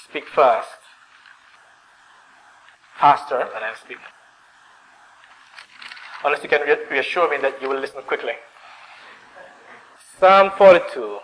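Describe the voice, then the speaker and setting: A man preaching a sermon, reading scripture in a slow, drawn-out cadence and swinging between loud exclamations and hushed tones. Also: mid-range voice, a little hiss or hum, low-quality recording.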